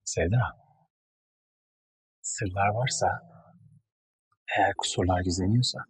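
An actor playing a serious man who speaks calmly and in measured tones about trust and love, in a TV drama. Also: low voice, breathy edge, no room sound, heavily acted. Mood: grave. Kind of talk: TV drama acting.

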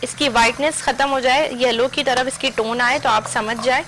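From a studio kitchen, a young woman from Pakistan hosts a televised cooking demo, instructing viewers directly step by step. She speaks at a moderate pace in a high-pitched, steady, slightly bright voice, over a little hiss or hum.

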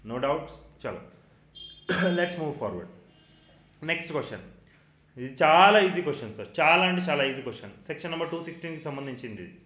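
Man, law exam tutor, slightly high voice, echoey teaching room. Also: fairly bright tone. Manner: calls listeners "sir" constantly, asks and answers his own questions. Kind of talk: classroom lecture.

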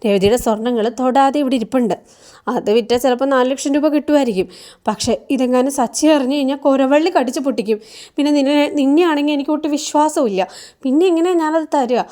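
A woman voicing a sharp-tongued middle-aged mother who scolds her grown son. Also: high voice, fast talker, natural voice. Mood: scolding. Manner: scolding, exasperated.

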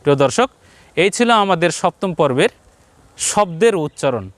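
High-voiced, lively man teaching reading. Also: dry recording. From Bangladesh. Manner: repeats points slowly, drawing out syllables for viewers; addresses viewers directly, encouraging. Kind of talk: televised Quran reading lesson.

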